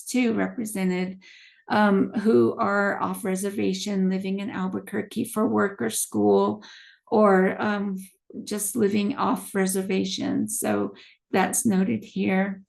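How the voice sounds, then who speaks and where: A woman presenting for a health plan at a community meeting, halting with many ums and restarts, and losing her voice. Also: medium pitch, fairly even intonation, creaky, darkish tone.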